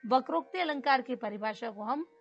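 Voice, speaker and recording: A woman teacher explaining a grammar lesson slowly and deliberately, repeating key terms. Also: high voice, animated, lo-fi sound, soft background music.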